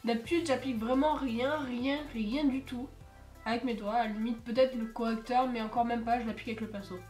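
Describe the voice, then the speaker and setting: At home, a teenage beauty vlogger with a cold and a stuffy nose chats through a makeup tutorial, rambling with lots of fillers. Her voice is on the high side and darkish, fairly quick with fairly even intonation. The sound is reverberant, with soft background music.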